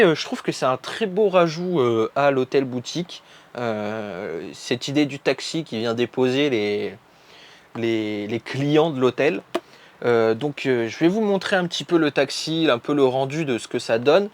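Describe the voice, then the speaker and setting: Hesitant, chatty man reviewing a set. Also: mid-range voice. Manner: chatty, friendly, hesitant with frequent pauses and restarts. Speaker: vlogger reviewing a LEGO set. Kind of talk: casual review vlog.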